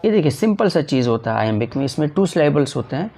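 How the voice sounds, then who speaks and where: Gravelly male teacher, slow English lines. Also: a little high, very animated, warm tone. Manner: repetitive, asks and answers his own questions; reads English lines slowly then explains in Hindi. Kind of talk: exam-prep lesson.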